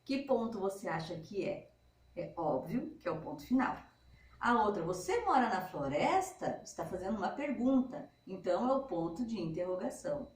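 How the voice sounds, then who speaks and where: A woman's voice: medium pitch, expressive, moderate pace, darkish tone. A woman teacher giving a patient, step-by-step lesson to schoolchildren. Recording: echoey room, mic at a distance.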